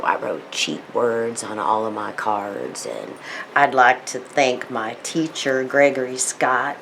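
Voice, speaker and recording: A woman's voice: low-pitched, slight background noise. A woman casually talking to camera as a tarot storyteller, rambling and digressive with many fillers and restarts, sometimes slipping into playful put-on accents. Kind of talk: casual rambling vlog talk.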